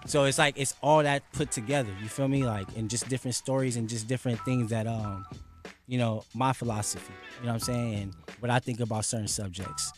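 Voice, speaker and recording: A young man talks about his music in a relaxed, slangy way, leaning on fillers. His pitch sits at a middling level for a man. Faint music plays behind him. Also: fairly quick. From Los Angeles, US. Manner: laid-back, heavy fillers, slangy. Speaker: rapper guest. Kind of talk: casual interview chat.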